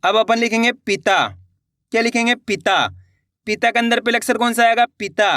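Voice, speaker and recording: High-voiced man teaching Hindi syllables. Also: fairly even intonation, moderate pace, bright, forceful tone, no echo, studio quality. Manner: patient, repeats words and asks questions back. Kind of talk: online lesson, slow syllable-by-syllable explanation.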